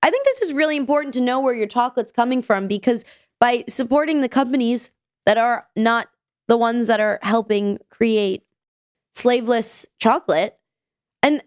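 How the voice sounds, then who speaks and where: A woman co-hosting a casual podcast sounds sick and nasal, her voice fairly high. She's chatty and tells stories with acted-out quotes, captured in a dry, studio-quality recording.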